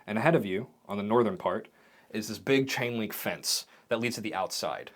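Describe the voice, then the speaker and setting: A man running a tabletop game as game master, narrating the scenes in a vivid, animated way. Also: lowish voice, normal speed.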